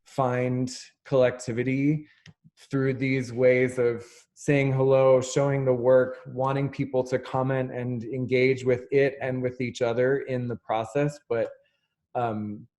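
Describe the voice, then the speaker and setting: A man moderating an artist talkback over a video call, giving closing thanks in an unhurried way with many fillers. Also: mid-range voice, level tone, a little mellow. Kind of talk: closing remarks in a video chat.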